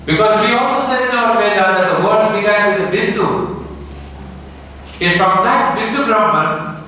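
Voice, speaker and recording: Guy giving a spiritual talk, kinda high voice, super echoey big hall, faint room hum. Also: normal speed, bright, forceful tone, distant mic. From India. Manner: earnest, emphatic, rising and falling lecture delivery. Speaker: lecturer.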